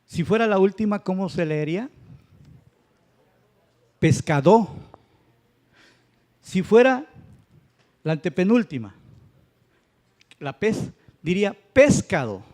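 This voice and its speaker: Male teacher, slightly high-pitched, unhurried classroom lecture, keeps checking that students follow. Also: lively intonation, a little mellow. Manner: patient, checks understanding with tag questions. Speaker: Spanish grammar teacher. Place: church classroom.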